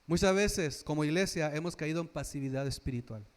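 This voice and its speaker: High-voiced man preaching a sermon. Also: fairly quick. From Mexico. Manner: asks the congregation questions, repeats phrases for emphasis; builds to loud emphatic preaching, drops low at phrase ends. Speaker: pastor.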